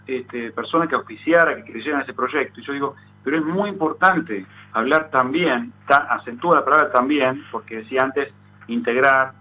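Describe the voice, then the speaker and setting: A man with an Argentine accent, a psychologist guest giving thoughtful explanations in an interview, often pausing on "este". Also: mid-range voice. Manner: thoughtful, frequent "este" fillers. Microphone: phone call. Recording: tinny phone line with faint noise.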